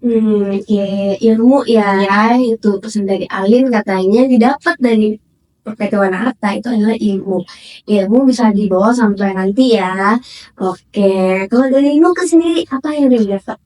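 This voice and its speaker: A woman's voice: mid-range voice, normal speed, a little mellow, distant mic, poor audio. A woman hosting a casual interview, chatty and upbeat with frequent fillers. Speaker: host.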